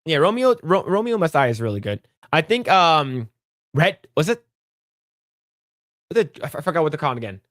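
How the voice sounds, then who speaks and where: A man hosts a casual solo livestream and talks straight to his chat. He swears freely and gets worked up about movies, and his pitch leaps up and down as he goes. The sound is dry and close, with no room heard around him. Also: brisk, long pauses, no room sound. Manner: animated, profane, riffing on movies and answering chat. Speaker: livestream host.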